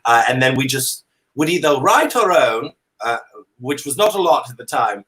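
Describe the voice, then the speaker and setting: Speaking by video call from indoors at home, a Canadian drag comedy performer plays a theatrical dandy as a talk show guest, chatting comically with hesitant phrasing. His voice is medium-pitched, sing-song and sharp at a normal speed, captured on a low-quality recording.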